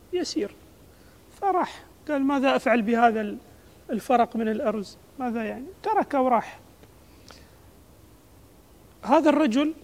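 A woman giving a religious lesson, retelling an old story, acting out the characters' words and explaining them in dialect. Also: a little high. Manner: lively, acts out the characters' speech and explains in dialect. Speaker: religious teacher.

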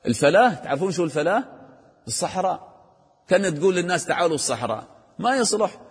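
A man, teaching a group of boys the call to prayer and chanting the phrases slowly to show them how. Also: high voice, animated, breathy edge, long reverb tail. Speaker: religious teacher.

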